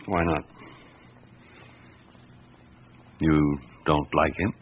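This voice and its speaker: An actor playing a patient, persistent police chief inspector questioning a witness in a radio drama, with deliberate hums and pauses. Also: male voice, rumbling low, fairly even intonation. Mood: probing, pressing. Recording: dull lo-fi radio recording with clear hiss.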